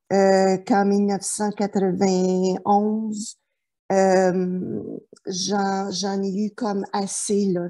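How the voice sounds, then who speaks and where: Here a middle-aged woman, a therapist from New Brunswick, Canada, describes her life in an interview, her mid-range voice mellow. Her speech is tentative, marked by lots of fillers and restarts.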